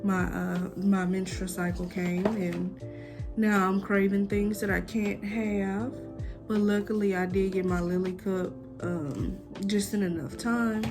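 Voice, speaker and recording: Young woman vlogging casually, creaky voice. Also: mid-range voice, little pitch movement, measured pace, music in the background. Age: young adult. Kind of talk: casual vlog chat to camera.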